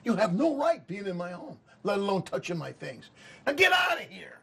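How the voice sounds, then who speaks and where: A man's voice: on the high side, quick pace, mellow, close to an everyday voice. An actor playing a stern, bitter grieving father who scolds an intruder in harsh, cold orders. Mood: scolding. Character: grieving middle-aged man, stern and bitter. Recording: film dialogue from afar.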